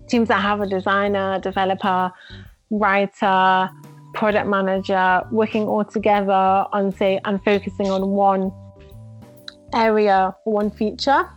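A woman with a non-native English accent, a guest talking about UX writing in a casual interview, animated and laughing often as she acts out little exchanges. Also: mid-range voice, dull audio.

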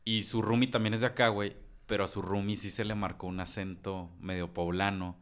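A young man with a low voice, co-hosting a casual podcast. He chats in a relaxed, slangy way among friends. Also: brisk, clean tone.

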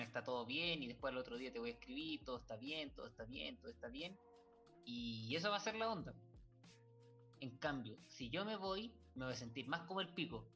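A man's voice: medium pitch, fairly bright tone. A young man with a Chilean accent chatting casually, rambling in crude slang and laughing often. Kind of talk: casual chat.

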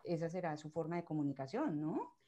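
A woman hosting a casual expert discussion, explaining points in a measured way. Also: sits low, very animated, mellow.

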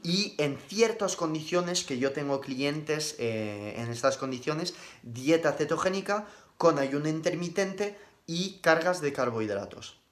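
A young man, a nutrition coach answering viewer questions on a live stream in brisk, matter-of-fact replies with casual slang. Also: a little high, expressive.

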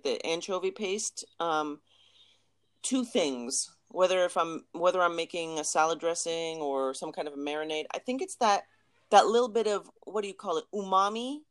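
Woman co-host, lower register, enthusiastic casual food chatter. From Lebanese family. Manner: chatty, enthusiastic about food, frequent restarts. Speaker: podcast co-host. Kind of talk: casual chat.

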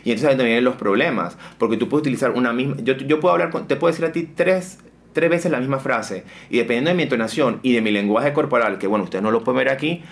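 Coach guest, man, brisk delivery, energetic and expressive. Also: mid-range voice. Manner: energetic, emphatic, shifts his intonation on purpose. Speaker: business coach. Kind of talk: casual interview chat.

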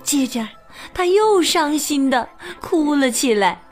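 Woman reading a kids story, high bouncy voice, slow and playful. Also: lively intonation, faint music behind. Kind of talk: children's story narration.

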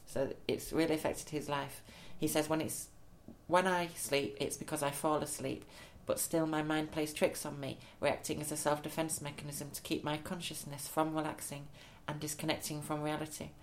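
A man co-hosts a podcast in easy conversation, reading news stories aloud and adding amused asides. His fairly high voice is level, at a normal speed with barely any pauses, and a little hiss or hum can be heard.

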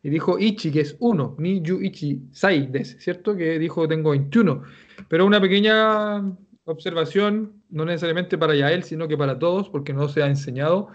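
A man with a Chilean accent, teaching Japanese and giving relaxed, joking feedback in an online class. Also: on the high side, a little fast, dull audio. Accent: Chilean Spanish.

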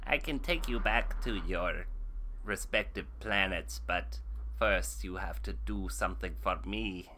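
A stranded alien booms out his lines in a stiff, formal, pompous way, as a man puts him on for a comedy podcast. The voice sits fairly low and moves slowly. It has a hard, very bright edge. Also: slight background noise. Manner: loud, stiff, formal announcer-like delivery. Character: pompous male alien stranded after a crash. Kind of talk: improvised comedy role-play.

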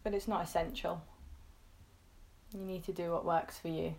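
A woman with a fairly low, steady, gravelly voice leads a guided meditation, gentle and reassuring, speaking in short phrases separated by pauses.

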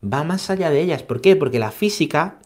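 A man giving a catechesis talk, animated and emphatic, asking rhetorical questions and checking in with his listeners. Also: a little high, a little fast. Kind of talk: catechesis talk on scripture and philosophy.

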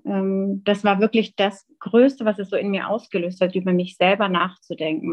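A woman in her thirties speaks as an interview guest, earnest and thoughtful, pausing often on "ähm" as she gathers her words. Her voice is mid-pitched, and the recording sounds slightly dull. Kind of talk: personal account in conversation.

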